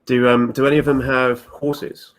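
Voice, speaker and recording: A man's voice: medium pitch, little pitch movement, moderate pace, heavy background noise. A man chatting as a guest on a show, with many ums and restarts as he explains his plans. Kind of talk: casual chat.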